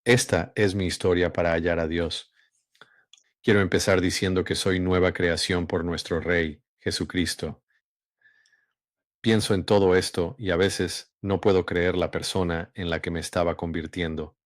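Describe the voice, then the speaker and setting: A man hosting a religious channel, speaking in an unhurried, measured monologue with frequent hums and pauses, then reading a story aloud. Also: low-pitched, steady tone, no echo, clean studio sound.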